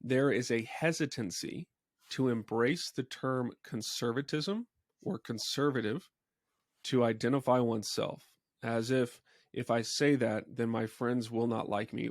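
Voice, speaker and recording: An American pastor hosts a conversational podcast, interviewing his guest in a friendly, plain manner with long, winding questions. His voice is mid-range, recorded in studio quality with no echo.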